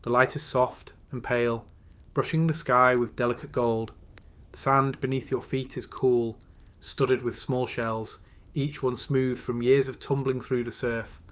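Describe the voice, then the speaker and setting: A male narrator reads a guided bedtime story at a medium pitch. His delivery is slow, soothing and measured. He sets phrases apart with unhurried pauses. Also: flat delivery.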